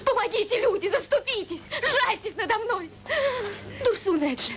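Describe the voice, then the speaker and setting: A woman's voice: extremely high pitch, expressive, moderate pace. An actress playing a terrified young daughter, shrieking and pleading for her life in a melodramatic film. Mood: desperate, pleading. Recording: very noisy old film soundtrack.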